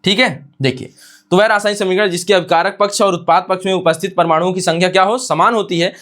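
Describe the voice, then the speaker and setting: A man with a high voice teaches a science lesson. He asks the class a question and answers it himself, then repeats each definition word by word, slowly, so the class can write it down. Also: fairly even intonation, fairly bright tone. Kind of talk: classroom lecture.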